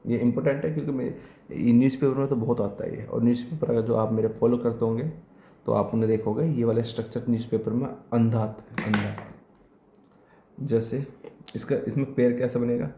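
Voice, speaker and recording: A man teaching an English grammar lesson for exam preparation, dictating example sentences slowly and repeating them word by word. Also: mid-range voice, fairly even intonation, dark tone, roomy sound.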